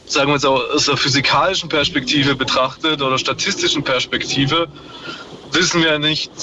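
A man's voice: on the high side, steady tone, fairly quick. A man calling in to a radio show from his car on a hands-free speakerphone, musing hesitantly with many fillers. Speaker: caller. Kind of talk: call-in radio chat. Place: in a moving car. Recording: muffled car speakerphone line with faint noise.

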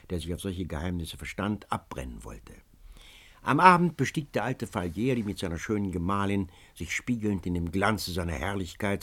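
A man narrating classic prose dramatically, swelling loudly and dropping to whispers. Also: fairly low pitch, breathy edge. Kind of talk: audiobook reading of classic prose.

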